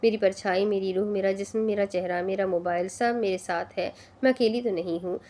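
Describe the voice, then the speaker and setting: A woman voicing a cheeky, mischievous young female student who talks in a calm, witty way. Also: mid-range voice, close to an everyday voice. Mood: cool.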